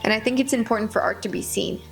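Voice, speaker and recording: A woman vlogger telling a personal story in an expressive, wry way with comic asides. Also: fairly high pitch, fast, gravelly, music in the background. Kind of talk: storytelling narration.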